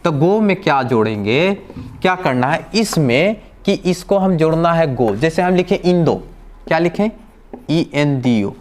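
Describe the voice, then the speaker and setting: A man's voice: a little high, animated, measured pace. Male teacher drilling questions and answers. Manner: patient, step-by-step explaining. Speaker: language teacher. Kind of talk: classroom-style vocabulary lesson.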